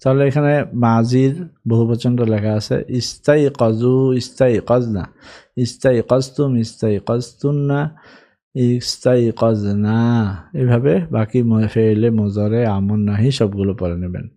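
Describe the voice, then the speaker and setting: Slow, mellow-voiced man teaching grammar. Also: medium pitch, fairly even intonation. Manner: slow, patient drilling of word forms. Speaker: Arabic teacher. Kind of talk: recorded grammar lesson, reciting verb forms.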